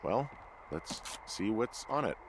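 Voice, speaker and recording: An actor playing a weary fire lookout with a dry, deadpan manner in a video game. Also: male voice, fairly low pitch, takes it slowly. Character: weary, dry-humored man alone in the woods. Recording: game audio with forest ambience noise.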